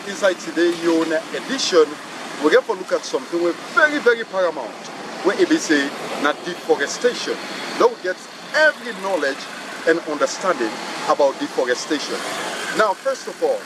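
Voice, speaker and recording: A man with a Sierra Leonean accent hosting an educational program in an emphatic, repetitive way. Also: fairly high pitch. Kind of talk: educational presenting, mixing Krio and English. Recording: clear outdoor traffic noise.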